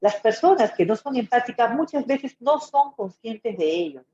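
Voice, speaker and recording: The woman's voice sits on the high side with a dark tone, expressive and moderately paced. A Peruvian-accented psychology lecturer, she delivers an informal, webinar-like lesson in a didactic manner, often using quick tag questions. The room echoes and the sound is muffled and dull.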